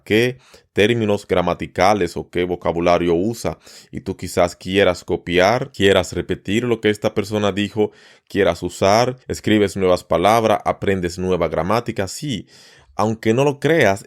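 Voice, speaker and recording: A man hosting a podcast lesson, teaching learners at an easy pace and often repeating words or listing them slowly one by one. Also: deep voice. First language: Spanish. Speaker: Spanish teacher and podcast host.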